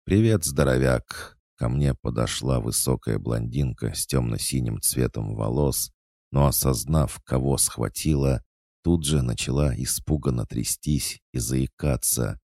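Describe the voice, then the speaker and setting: A man narrating a first-person audiobook in an even, steady way, his voice extremely low and gravelly. It sounds dark and mellow, recorded dry and close to the mic. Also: unhurried, no echo.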